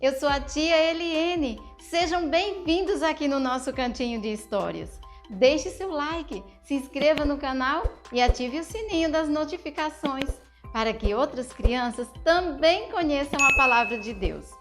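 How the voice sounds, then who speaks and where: High-voiced woman telling children's stories. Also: expressive, unhurried, faint music behind. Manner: speaks to children with frequent questions; gentle, teaching tone. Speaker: children's storyteller.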